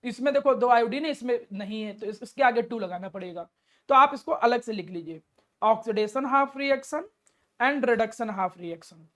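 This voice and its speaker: A woman's voice: fairly high pitch, animated, measured pace. A woman teaching a chemistry lesson step by step, asking and answering her own questions and affectionately addressing the student. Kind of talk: classroom lecture.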